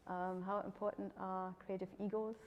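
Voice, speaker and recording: A woman's voice: mid-range voice, little pitch movement, normal speed, lo-fi sound. A woman moderating a panel discussion, speaking hesitantly with many "um"s. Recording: long hall reverb, faint background noise.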